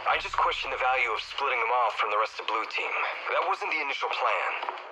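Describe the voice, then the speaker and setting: A man acting Captain Lasky, a weary military commander amid loud noise. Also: brisk, reverberant, natural voice. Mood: controlled, businesslike. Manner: clipped, commanding military delivery. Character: weary, resolute middle-aged male military ship captain. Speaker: ship captain. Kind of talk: dramatic sci-fi game audio log acting. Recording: noisy radio-style log with vehicle rumble.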